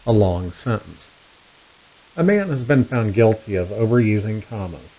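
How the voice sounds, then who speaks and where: A man with a lowish, animated voice and moderate pace hosts a joke newsletter read aloud, delivering puns and dad jokes with a setup and then the punchline. The recording sounds dull and lo-fi.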